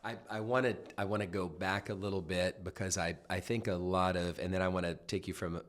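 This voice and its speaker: Deep-voiced man hosting a podcast interview. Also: fairly even intonation. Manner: attentive listener with frequent affirmations, then measured questions. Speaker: podcast host. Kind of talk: interview conversation.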